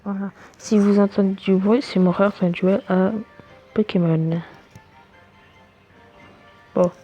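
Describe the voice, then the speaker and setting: Gamer for let's play: slow-paced, mellow tone, exclaims in frustration, faint music underneath. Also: medium pitch, steady tone, muffled recording. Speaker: gamer commentating own gameplay for viewers. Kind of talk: casual let's play commentary.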